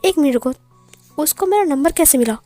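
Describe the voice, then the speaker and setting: A woman's voice: sits high, lively intonation, brisk, warm tone, no echo, soft background music, voice pushed up. A woman voicing a hot-tempered young male mafia boss who fires off angry, demanding questions.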